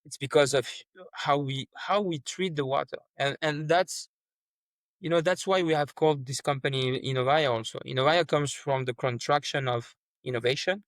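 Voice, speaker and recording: A French startup founder appears as an earnest guest in a conversational interview, often repeating words, stumbling and restarting. His voice is fairly high and fairly bright at a normal speed, recorded with a dry, close sound and no echo.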